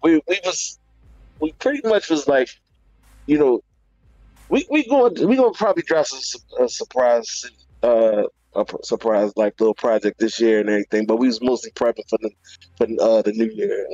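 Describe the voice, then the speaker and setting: A man chatting casually as an interview guest, slangy and halting, leaning on tag phrases. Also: mid-range voice, a little mellow, dry recording, highs cut off, soft background music. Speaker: R&B singer, podcast guest.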